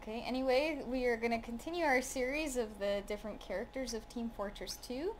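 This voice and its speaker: A woman's voice: a little high, fairly quick, a little hiss or hum. Curious woman co-hosting a game video. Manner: asks simple curious questions. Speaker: co-host playing alongside her child. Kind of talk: casual gaming chat.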